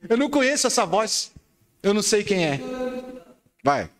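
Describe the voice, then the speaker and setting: A middle-aged man with a Brazilian Portuguese accent leads a playful, animated sermon. His voice sits a little high and swings widely in pitch as he jokes with the congregation, then turns to teaching. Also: normal speed. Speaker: pastor. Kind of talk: lively sermon with audience game.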